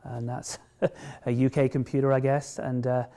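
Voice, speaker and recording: A man, speaking enthusiastically but haltingly with fillers in an award testimonial. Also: medium pitch, level tone, warm tone. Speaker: tech employee.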